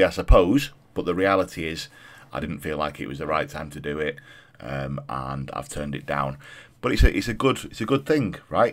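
A man in his thirties with a throaty, stuffed-up voice from a cold, chatting casually through gameplay as a video host and repeating phrases for emphasis. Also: low voice. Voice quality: throaty, congested.

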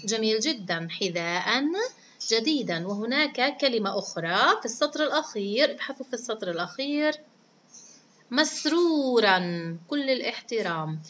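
A woman's voice: fairly high pitch, sharp tone, highs cut off, a little hiss or hum. A woman teaching a children's reading lesson, praising them often and stretching words out syllable by syllable. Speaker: primary school teacher.

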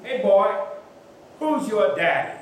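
A chatty gray-haired Tennessee man, as a pastor puts him on leans into his Southern drawl with a raised, lively voice. He spins a folksy story slowly. It echoes through a big church from a distance. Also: high-pitched, slight background noise, pitched above the performer's own voice, heavily acted.

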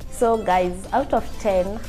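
A soft-spoken Kenyan woman in her twenties, politely questioning men on a dating show in a TV studio. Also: medium pitch, slow, faint music behind. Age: 20s.

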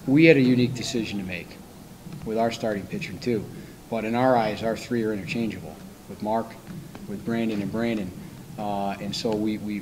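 Older male coach, low-pitched, candid and rambling, table mic, background noise. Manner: candid, rambling, dry humor. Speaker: college baseball coach. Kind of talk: postgame press conference. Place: press conference room. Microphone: table microphone.

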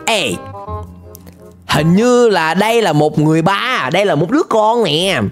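A woman's voice: lowish voice, measured pace. A woman hosting a reaction video, chatting casually and exclaiming to viewers as she comments on an animation. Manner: lively, exclaiming, addresses viewers often. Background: video music.

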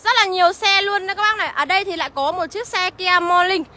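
A woman's voice: extremely high pitch, quick pace, pushed and bright. A woman with a Northern Vietnamese accent livestreaming from a used car lot, chattily rattling off car features and prices. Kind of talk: livestream sales pitch.

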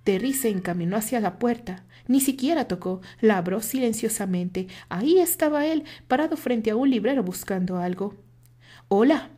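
A woman's voice: fairly high pitch, lively intonation, normal speed, few pauses, mellow. A woman narrating fan fiction in a dramatic storytelling style. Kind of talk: expressive fan-fiction audiobook reading.

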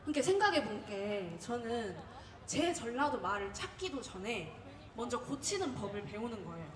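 A young woman from Gwangju with a Jeolla dialect, giving a lively, chatty comic speech at a dialect contest. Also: fairly high pitch, moderate pace. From Gwangju, Korea. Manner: lively, chatty, acts out quotes. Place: large echoey hall. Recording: echoey hall recording.

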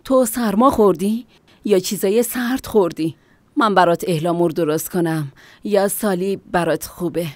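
A woman's voice: on the low side, no echo, natural voice. A woman dubbing a middle-aged wife who placates and defends herself in a family quarrel. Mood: placating. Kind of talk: Persian dub of a TV drama.

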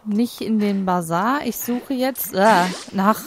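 A woman's voice: mid-range voice, takes it slowly, noisy background. A woman casually commenting on her own gameplay. She thinks aloud, laughs a lot and makes wry, teasing remarks. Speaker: let's play host.

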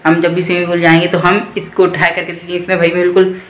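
A man's voice: sits high, completely flat delivery, fast talker, fairly bright tone. Chatty teenage boy vlogging on his phone. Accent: Hindi. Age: teens. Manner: chatty, keeps saying "guys". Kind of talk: casual vlog. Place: home room and outdoors on a motorbike. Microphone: phone camera held at arm's length.

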